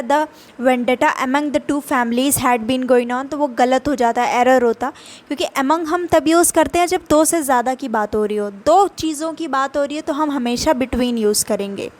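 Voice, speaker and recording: A young woman with an Indian English accent teaches vocabulary, reading example sentences slowly and then explaining them quickly in Hindi. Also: high-pitched.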